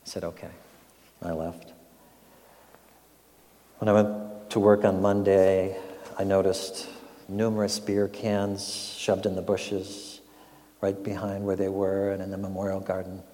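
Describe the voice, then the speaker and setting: An older man gives a sermon in a reflective, storytelling way and keeps turning to questions. His voice sits low and mellow, and it echoes through a large hall. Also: flat delivery, a little slow, pauses often. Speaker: pastor.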